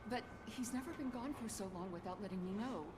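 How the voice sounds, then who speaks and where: A woman's voice: mid-range voice, fast talker, natural voice. An actress playing a worried middle-aged mother pleading with the police to find her missing son. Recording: video game audio with clear background noise.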